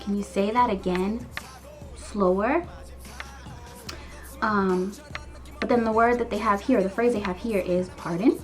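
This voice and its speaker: A woman teaching everyday phrases in a casual vlog, animated and acting out little scenes with frequent laughs. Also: medium pitch, unhurried, long pauses, soft background music. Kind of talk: casual language lesson vlog. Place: living in Korea.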